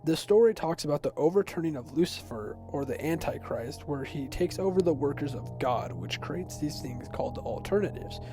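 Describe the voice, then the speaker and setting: A teenage to young adult man, his voice on the higher side, narrates a video essay casually and personally against background music. His intonation is lively, his speed normal, and he rarely pauses in this semi-scripted explanation.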